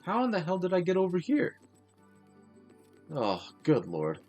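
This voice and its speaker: This man's voice is high-pitched and a little slow, with a darkish tone and huge swings in pitch, and faint music plays behind him. He's casually chatting on a live game stream, rambling, losing the thread, and piling up fillers and false starts.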